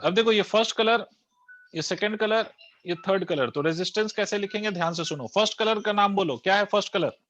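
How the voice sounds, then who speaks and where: A man's voice: high-pitched, brisk, a bit bright, dry recording. A male physics teacher, giving a classroom lecture that mixes Hindi and English, quizzing students and repeating key terms. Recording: dull lo-fi dry recording.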